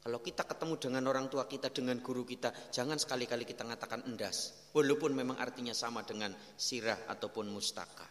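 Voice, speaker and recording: A middle-aged man with a Javanese accent, a kyai preaching and telling stories in a lively way. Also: mid-range voice, fast talker. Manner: lively storytelling, mixing in Javanese phrases. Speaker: kyai teaching a religious study. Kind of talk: sermon. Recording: long hall reverb.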